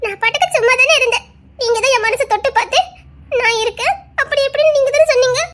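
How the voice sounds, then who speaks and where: A woman's voice: very high voice, fast talker, fairly bright tone. A woman playing a heartbroken, stubborn young woman who pleads and reproaches her lover through tears. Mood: tearful. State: crying. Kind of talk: screen drama acting.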